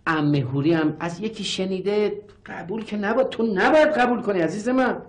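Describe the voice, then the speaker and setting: In this TV sitcom performance, a man with a high-pitched, natural voice plays an irritable, skeptical middle-aged professor and father who comes across as exasperated and dismissive.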